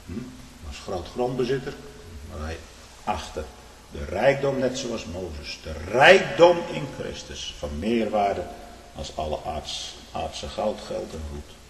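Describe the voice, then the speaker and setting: A man preaching a sermon with fervour, often tagging lines with "hè?" and rising to loud exclamations. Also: on the low side, sing-song, slow pace, gravelly, recorded from a distance. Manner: fervent, rising to loud exclamations, with frequent "hè?" and "hm?" tags. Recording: echoey hall with faint hiss.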